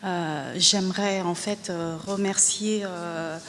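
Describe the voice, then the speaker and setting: A woman from Vietnam, a university lecturer, giving a scientific talk at a conference, explaining slowly with many pauses and fillers. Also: on the low side, steady tone, noisy background. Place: conference hall at a colloquium. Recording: long reverb of a conference hall.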